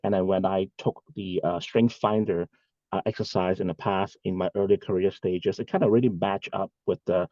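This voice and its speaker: A man's voice: deep voice, warm tone, dry recording, lo-fi sound. A man, giving earnest, rambling answers as an interview guest over a video call. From Hong Kong. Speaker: guest, bank executive. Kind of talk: casual interview talk.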